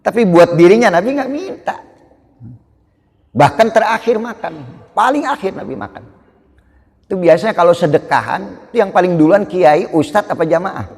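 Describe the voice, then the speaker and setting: A man preaching in a mosque, telling the story with lively asides to the congregation. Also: sits high, moderate pace. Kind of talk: storytelling sermon. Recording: echoey mosque hall.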